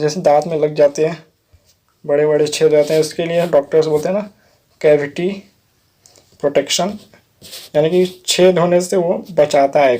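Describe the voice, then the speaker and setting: A man's voice: a little high, dark tone. A man teaching English vocabulary, spelling each word letter by letter and checking in with "theek hai" as he patiently explains it. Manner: repeats "theek hai" often. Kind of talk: vocabulary lesson.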